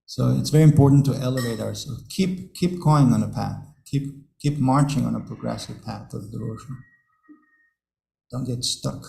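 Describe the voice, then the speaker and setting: Telling stories during a devotional scripture class in a temple hall, a man often chuckles and repeats his words to the audience. He has a mellow, creaky mid-range voice at a moderate pace, recorded at low quality in an echoey room.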